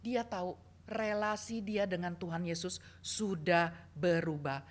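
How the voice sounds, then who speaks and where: A woman's voice: lowish voice, measured pace. A woman preaching a sermon, telling stories and acting out the people she quotes. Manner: lively storytelling, acts out quoted voices.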